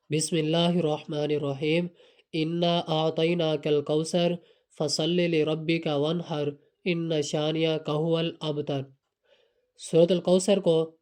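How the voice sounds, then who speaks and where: A man's voice: fairly high pitch, a little mellow. A man with a Pakistani Urdu accent giving earnest, repetitive step-by-step devotional instructions. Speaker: religious instructor.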